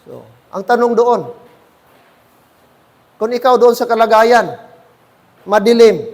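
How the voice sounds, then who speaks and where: A man's voice: extremely high pitch, slow pace, long reverb tail. A man with a Filipino accent preaching a sermon as pastor, switching between Tagalog and English and often calling out to the congregation. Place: church.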